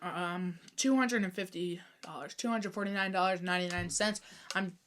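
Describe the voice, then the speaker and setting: A woman's voice: lowish voice, fairly bright tone. Chatty woman co-hosting a podcast. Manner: chatty, enthusiastic, quick to tease. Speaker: podcast co-host. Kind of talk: casual podcast chat.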